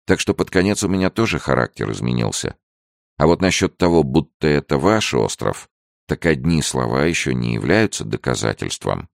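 A wry, self-assured gentleman adventurer, voiced by a male narrator in a deep, gravelly register lifted somewhat above it. He sounds half-joking and coolly polite in a dry, close storybook reading. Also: very animated, moderate pace, dry recording, full character voice.

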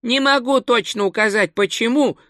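A man's voice: very high voice, moderate pace, pushed and bright, dry recording, studio quality, pitched above the performer's own voice. A man voicing Twoflower, a meek, polite little male tourist who speaks naively and carefully in a storybook reading. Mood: musing.

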